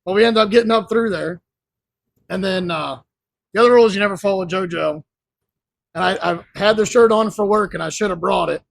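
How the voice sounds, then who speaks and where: A man's voice: sits high, fairly quick, creaky, dry recording. A man telling long, rambling stories in a laid-back, casual way as a podcast guest. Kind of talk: casual storytelling.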